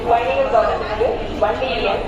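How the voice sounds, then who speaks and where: A woman reading out train numbers and names over a station loudspeaker, number by number. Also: on the high side, steady tone, fairly quick. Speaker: railway station announcer. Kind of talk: formal recorded announcement. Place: busy railway platform. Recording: dull, echoey loudspeaker from far off. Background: crowd chatter and station noise.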